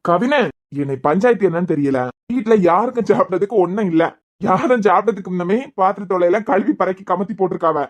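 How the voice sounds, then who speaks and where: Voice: mid-range voice, fast talker, close to an everyday voice. A performer voicing a grumbling cartoon family man with a Kanyakumari Tamil accent, needling and bantering. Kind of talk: cartoon web series dialogue.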